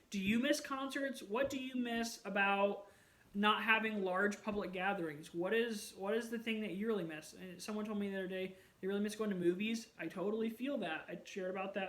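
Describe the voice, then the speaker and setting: A man vlogging in a casual chat, telling rambling, gushing stories about concerts with animated bursts of excitement. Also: high-pitched, fairly quick.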